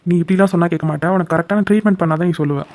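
A man's voice: high voice, rapid-fire, darkish tone. A man voicing a young cartoon lover who keeps pressing the girl he loves for an answer, insistent and coaxing, with music faintly behind. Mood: arguing. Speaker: cartoon character. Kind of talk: cartoon voice acting.

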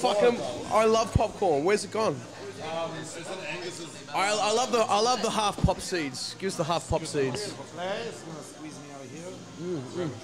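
A man's voice: high voice, expressive, slow, pauses often. An Australian man hosting a podcast as casual chat, chatty and swearing freely while asking eager questions. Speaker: podcast host. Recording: loud crowd chatter behind.

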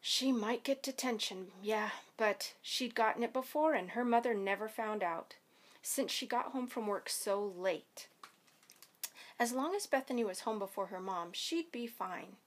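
A woman elementary school teacher reading a children's novel aloud to her students in a lively, expressive storytelling way. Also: a little high, measured pace.

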